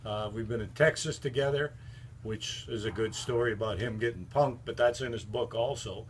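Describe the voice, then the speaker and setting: A man's voice: mid-range voice, normal speed, slight background noise. An older man telling folksy, rambling anecdotes about a longtime friend while endorsing the friend's books. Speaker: friend giving a book endorsement. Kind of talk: casual storytelling.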